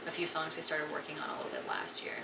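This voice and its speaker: A young musician from Colorado, USA, chats casually as a guest in an interview, relaxed and leaning heavily on fillers, especially "like." Her voice is deep, fast and gravelly. The recording is noisy and echoey, captured from a distant mic.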